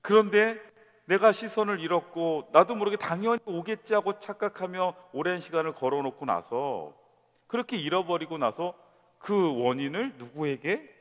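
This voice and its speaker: Korean pastor preaching in a reverberant hall. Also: male voice, on the high side, moderate pace. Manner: lively, conversational preaching with rhetorical questions and acted quotes. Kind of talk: sermon to a young adult congregation. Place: church sanctuary. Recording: long church hall reverb.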